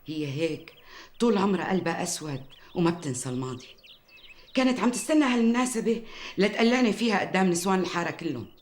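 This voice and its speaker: A woman's voice: lowish voice, roomy sound, slight background noise, close to an everyday voice. An actress playing a shrewd, resentful mother with a Damascene accent, knowing in her talk. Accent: Damascene Arabic. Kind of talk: TV drama acting.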